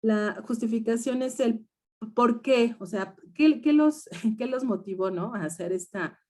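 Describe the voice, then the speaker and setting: A woman's voice: a little high, measured pace, dark tone. A woman with a Mexican Spanish accent teaching a research seminar, explaining step by step and checking in often with her students. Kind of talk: lecture to students.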